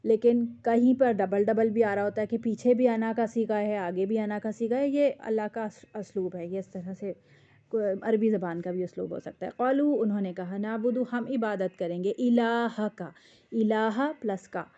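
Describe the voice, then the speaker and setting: A woman's voice: mid-range voice, dark tone, muffled recording. A woman, teaching a word-by-word translation lesson, patiently explaining each word and checking that her students follow.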